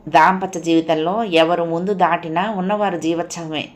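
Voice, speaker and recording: A woman voicing a caring wife who soothes her frightened husband, affectionate and reassuring, her voice higher than her narration. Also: fairly even intonation, moderate pace, lightly acted. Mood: soothing, concerned.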